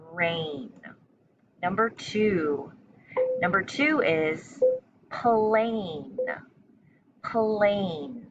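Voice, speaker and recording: With a lowish, slightly bright voice, a female teacher dictates spelling words, pronouncing them with care and repeating them encouragingly. The audio is muffled and lo-fi, carrying a faint background noise.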